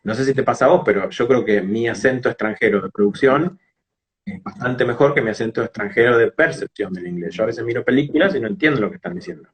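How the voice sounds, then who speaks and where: Breathy at the edges and quick in pace, a mid-range male voice with an Argentine Rioplatense accent belongs to an English teacher and phonetics expert being interviewed. He lays out explanations didactically, drawing on everyday examples.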